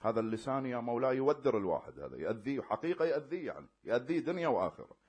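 A man preaching a sermon, swinging between loud emphatic declarations and hushed, quiet passages. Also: mid-range voice, very animated, very fast, slightly rough.

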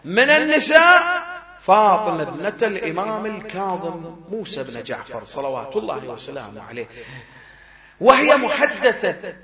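A man preaching a religious sermon, impassioned and swelling to loud emphatic cries. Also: high-pitched, sing-song, moderate pace. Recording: echoey hall, dull lo-fi sound, crowd.

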